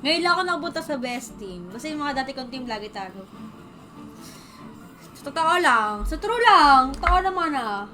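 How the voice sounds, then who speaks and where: A woman's voice: sits high, lively intonation, moderate pace, long pauses, pushed and bright, faint music behind. A woman from the Philippines with a Filipino accent, hosting a casual livestream, chatty and reading viewers' comments aloud and answering them. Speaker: livestream host.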